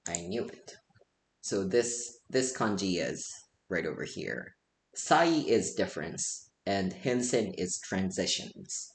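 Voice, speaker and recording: Slow and lively in intonation, this deep-voiced presenter from Japan, whose first language is Japanese, delivers a casual lecture full of "like" fillers in a loose, conversational way. Faint hiss and echo fill the room.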